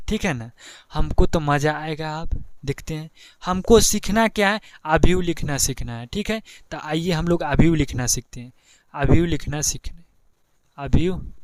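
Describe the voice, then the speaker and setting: Young bihari guy teaching maths, chatty and repetitive, voice a bit high, clean and smooth, dry close mic. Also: dry recording. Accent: Bihari Hindi. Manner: chatty, repeats steps, keeps asking "ठीक है ना". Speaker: math teacher. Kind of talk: board exam tutorial.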